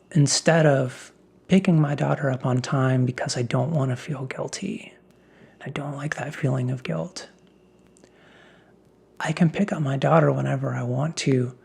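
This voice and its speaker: Man, very breathy, soft half-whisper, ASMR pep talk, personal, musing. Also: medium pitch. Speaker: ASMR host.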